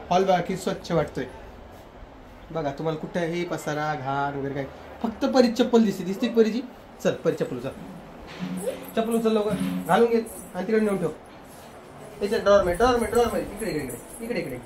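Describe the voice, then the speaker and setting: A man's voice: sits high, lively intonation, fairly quick, darkish tone, slight background noise. Playful father vlogging from home. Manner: playful, coaxing with a small child, chatty aside to viewers. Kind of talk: casual home vlog chat. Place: home kitchen, indoors.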